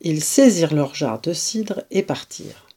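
A woman reading a children's storybook aloud in slow, measured narration. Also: low voice, lively intonation, warm tone, slightly rough.

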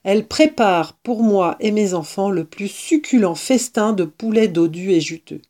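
A sly, self-assured fox father from a storybook, as a woman reader puts him on. He speaks in a confident, reassuring tone with a soft, mellow warmth. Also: mid-range voice, a little slow, natural voice.

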